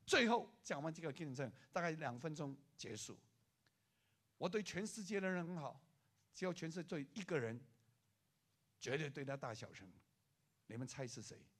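An older man preaching a sermon as a pastor, telling a story with lively acted-out voices for the people in it. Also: on the high side, normal speed, long pauses. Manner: animated preaching, acting out the people in his story.

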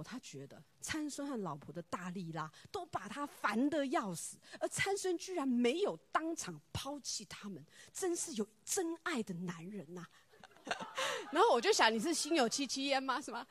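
A woman giving a personal devotional talk, telling stories in an animated way and acting out the dialogue. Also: a little high, breathy edge.

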